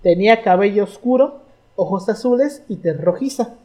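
A woman's voice: medium pitch, expressive, normal speed, warm tone. A young woman with a Mexican accent, co-hosting a casual history chat, slangy and storytelling as she goes through her notes. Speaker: podcast co-host.

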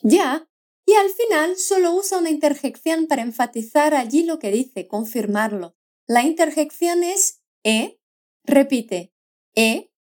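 High-voiced Spanish woman teaching pronunciation. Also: expressive, a little mellow. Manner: slow, carefully modelled repetitions with encouraging prompts. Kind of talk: scripted language lesson narration.

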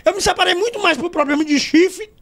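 A middle-aged man, a journalist guest, telling stories loudly and with laughter in a casual podcast chat. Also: very high-pitched, a little fast. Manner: loud, animated, laughing storyteller.

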